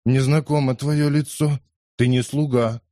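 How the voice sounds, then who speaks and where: A man's voice: medium pitch, fairly even intonation, a little slow, mellow, no room sound, studio quality, voice pushed up, lightly acted. A man voicing a proud, querulous, very old lord in an audiobook. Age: older.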